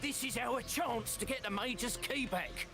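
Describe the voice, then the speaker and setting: An actor playing a loyal, earnest pirate officer in a video game, with formal, archaic nautical speech and music behind him. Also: male voice, very high-pitched, moderate pace, creaky. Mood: rousing. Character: loyal, earnest male pirate officer, urging his crew. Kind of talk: dramatic video game acting.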